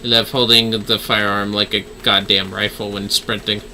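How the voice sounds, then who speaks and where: A game streamer gives casual live commentary on his gameplay, talking to himself and swearing easily as he plays. His voice is on the low side with little pitch movement, at normal speed and with a sharp tone. Music plays behind him, and there's slight background noise.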